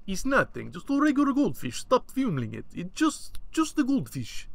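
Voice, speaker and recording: A man doing a gruff old Russian fisherman. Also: extremely high pitch, huge pitch swings, moderate pace, no room sound, voice pushed up, full character voice. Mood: irritated. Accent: Russian put on. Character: gruff older male Russian immigrant fisherman, irritable.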